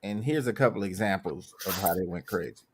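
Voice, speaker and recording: A man's voice: low voice, fairly quick, breathy edge. A man hosting a podcast in casual chat, telling stories with a laid-back, joking manner. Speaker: podcast host.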